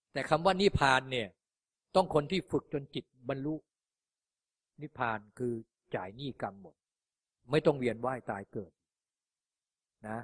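Buddhist teacher guy doing a dharma talk, gentle fatherly tone, keeps calling everyone child. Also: fairly high pitch. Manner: punctuates phrases with soft particles. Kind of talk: dharma talk answering questions.

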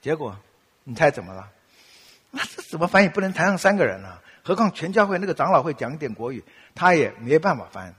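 A man's voice: on the high side, quick pace, breathy edge, long reverb tail. A man from Taiwan with a Taiwanese Mandarin accent, preaching a sermon and telling stories, acting out quoted voices. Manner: animated, acts out quotes with laughs. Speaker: pastor. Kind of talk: sermon with storytelling.

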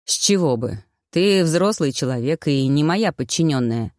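A woman voicing a calm, gently teasing male werewolf lover in an audiobook. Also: sits low, normal speed, dry recording, studio quality.

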